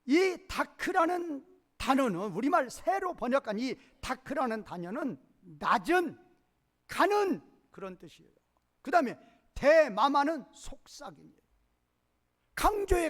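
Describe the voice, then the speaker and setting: A male pastor preaching a sermon, quizzing the congregation with repeated questions and swinging between loud emphasis and quiet low asides.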